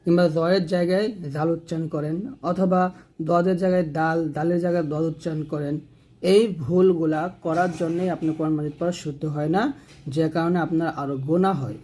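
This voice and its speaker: A man teaches Arabic letter pronunciation for Quran reading. He explains patiently and repeats himself, then draws each letter sound out slowly to demonstrate it. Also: a little high, a little mellow. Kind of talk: tajweed lesson on letter pronunciation.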